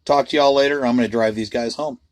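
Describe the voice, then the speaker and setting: A man's voice: mid-range voice, fairly even intonation, fast. A man, a freelance voice actor, chatting candidly in a rambling, self-deprecating way to his vlog audience. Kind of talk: casual vlog chat.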